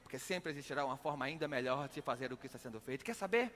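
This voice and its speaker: A man from Minas Gerais with a Minas Gerais accent, a stage magician and comedian doing a live act with playful, energetic joke-telling and shouted punchlines. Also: medium pitch, rapid-fire, slight background noise. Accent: Minas Gerais Portuguese. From Minas Gerais, Brazil. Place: large live event stage. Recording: live hall with long reverb.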